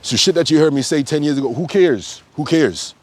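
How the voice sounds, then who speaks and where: A man's voice: on the high side, expressive, fairly quick. Blunt, profane man ranting to camera. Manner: blunt, profane, ranting with sudden emphatic outbursts; loose, repetitive phrasing with frequent fillers. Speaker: yoga teacher and health coach. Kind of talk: unscripted spoken monologue.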